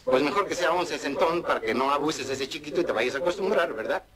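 A man's voice: on the high side, lively intonation, fast talker, very noisy. A man playing a cheeky, boastful streetwise talker who rambles through jumbled wordplay in a vintage TV comedy sketch. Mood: cheeky rambling. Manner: rambling, wordplay-laden chatter. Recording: old TV sketch with audience laughter. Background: studio audience laughing.

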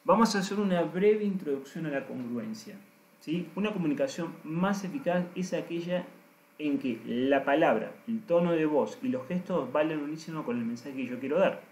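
A man, a coach giving a deliberate, emphatic lesson and speaking straight to his listeners. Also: on the high side, darkish tone, a little hiss or hum. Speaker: coach teaching trainers. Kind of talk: recorded lesson. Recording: roomy echo.

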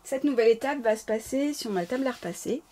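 This craft tutorial host talks fast in a fairly high, mellow voice with a slight lisp, explaining each step in an informal and apologetic way. A camera placed near above the work table picks her up, along with a little background noise.

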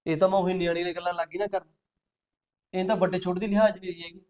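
A man's voice: high voice, little pitch movement, darkish tone, lightly acted. A young man playing a bossy elder brother who argues insistently and flares with anger, with faint music behind. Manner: insistent, argumentative, quick to anger. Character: bossy, hot-tempered village elder brother.

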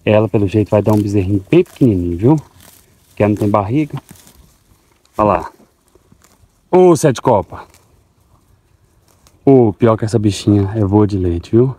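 A man's voice: on the low side, animated, moderate pace, long pauses, warm tone. A man from Goiás with a Goiás Portuguese accent, vlogging casually on his farm and talking affectionately to his cows. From Goiás, Brazil. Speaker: farmer vlogger. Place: outdoors on a cattle farm.

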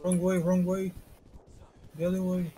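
A man playing an online game with friends, giving quick sweary callouts over voice chat. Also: high-pitched, monotone, dark tone. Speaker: player. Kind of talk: casual gaming voice chat.

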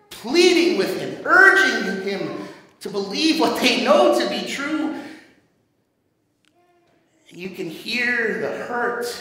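Male pastor, sermon, storytelling, high pitched bright voice, very echoey church hall. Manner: storytelling, measured and dramatic. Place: church sanctuary.

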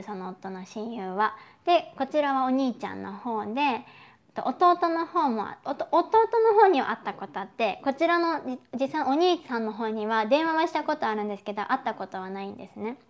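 A woman from Japan hosts a relaxed solo chat, her voice pitched a little high. She talks loosely, filling pauses and laughing easily as she answers listeners. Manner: chatty, frequent fillers and laughs. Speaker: host. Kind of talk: casual solo chat reading listener messages.

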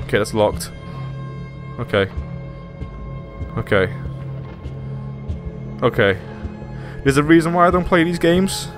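Scared guy swearing his way through a horror game, talks slow, faint game music behind. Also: a little high, big pitch swings. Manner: jittery, swearing, talking to himself. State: frightened. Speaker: let's play gamer.

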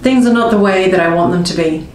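Woman leading a slow tapping script. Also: fairly low pitch, a little mellow. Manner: slow, repetitive, emotive affirmations. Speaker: tapping coach. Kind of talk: guided tapping script spoken in first person. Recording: roomy with faint music behind.

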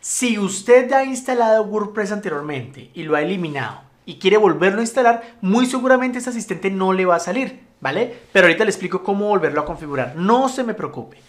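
Lively, animated male tutor, casual and chatty, keeps checking in with viewers. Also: high voice, fairly quick, few pauses. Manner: relaxed, chatty, addresses viewers as "muchachos"; frequent checking tags like "¿listo?" and "¿vale?". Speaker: web tutorial instructor. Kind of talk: casual screen-recorded tutorial.

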